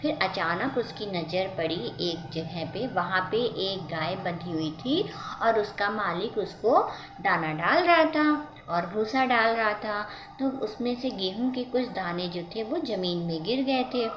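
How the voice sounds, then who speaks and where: A woman telling a story to children in a slow, expressive, storytelling manner. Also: medium pitch. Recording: roomy echo with faint ambient noise.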